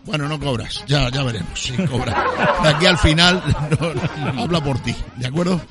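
A man's voice: on the high side, normal speed, loud music behind the voice. A man hosting a playful talk show on an outdoor terrace, joking and rambling as he goes. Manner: joking, rambling, self-interrupting. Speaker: host.

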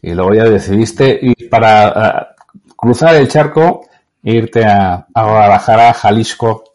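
A man hosting a business podcast, introducing the show and interviewing a guest in a chatty, lively way. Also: fairly low pitch, unhurried. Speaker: podcast host.

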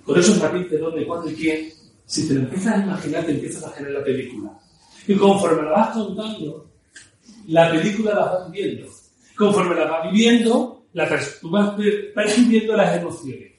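A man giving a lively, playful talk on storytelling as a public speaking coach, swinging between loud and soft. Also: high-pitched, normal speed. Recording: very echoey room, mic far off, faint noise.

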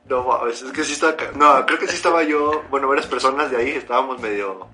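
A man's voice: mid-range voice, fast talker, pushed and bright. A young Mexican man telling a rowdy story to friends, slangy and full of laughter. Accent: Mexican Spanish. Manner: slangy, laughs often, acts out quotes. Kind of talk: casual storytelling among friends. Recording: roomy echo, faint music behind.

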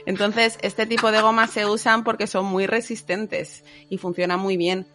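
A woman's voice: mid-range voice, little pitch movement, moderate pace, a bit bright, faint music behind. A woman explaining things informally as a co-host, often checking with tag questions. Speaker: podcast co-host. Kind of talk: casual explanatory chat.

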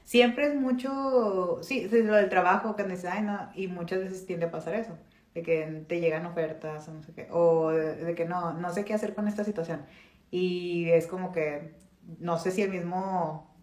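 A woman's voice: fairly low pitch, steady tone, normal speed, darkish tone. A woman chatting as co-host, teasing and thinking aloud with fillers. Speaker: podcast co-host. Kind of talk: casual chat. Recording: roomy echo.

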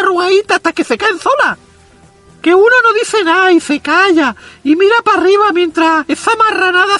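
A man playing a foul-mouthed, self-proclaimed macho with a squeaky, effeminate, boyish voice, rambling through a comic monologue. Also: bright, forceful tone, no room sound. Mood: indignant. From Andalusia, Spain. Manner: crude, rambling anecdotal delivery.

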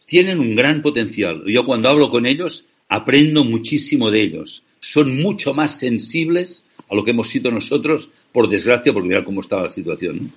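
A man's voice: mid-range voice, animated, normal speed, few pauses, breathy edge. A man from Spain, an ethical banking founder, giving passionate, persuasive interview answers over a remote call, often asking rhetorical questions.

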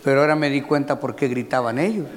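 A man preaching a sermon in a church hall, swinging from loud shouting to quiet asides, calling his listeners "brother" with folksy humor. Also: mid-range voice, fast. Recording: long hall reverb, faint crowd.

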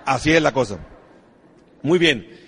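A man's voice: mid-range voice, lively intonation, unhurried, a bit bright, husky. A man gives a motivational business talk, repeating himself and asking the crowd rhetorical questions. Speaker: network marketing trainer. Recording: long hall reverb.

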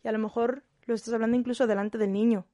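A young woman from Spain with a Spanish accent, a kindergarten teacher giving a calm, reflective monologue with frequent hesitant restarts. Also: fairly high pitch, fast, no room sound, studio quality.

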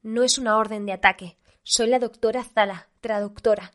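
A woman's voice: fairly high pitch, fairly even intonation, normal speed, lightly acted. A woman voicing a young female translator who talks urgently and breathlessly. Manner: breathless, pleading.

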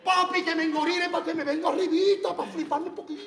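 An actor playing a brash, teasing young police cadet in a comedy sketch, loud and mocking, calling everyone "papi". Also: male voice, extremely high pitch, steady tone, fast. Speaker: police academy recruit. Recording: echoey distant room with crowd.

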